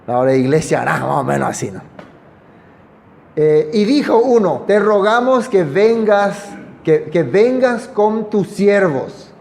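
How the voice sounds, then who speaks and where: Male preacher, high voice, informal Bible teaching, chatty and checking in with the room, long hall reverb. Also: expressive, a little slow, vocal fry, a little mellow, a little hiss or hum. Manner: conversational, asks the listeners for agreement.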